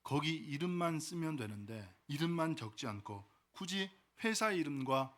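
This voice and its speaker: A pastor voicing an older gentleman who asks a quiet, slow question, in a lowered voice. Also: sing-song. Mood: puzzled. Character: older male gentleman, calm and curious.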